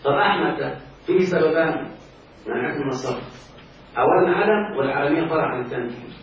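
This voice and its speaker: A man's voice: a little high, quick pace. A man with an Egyptian accent teaching Arabic grammar in a classroom, constantly quizzing his students on whether they follow. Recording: very echoey room, mic far off, dull sound, faint hiss.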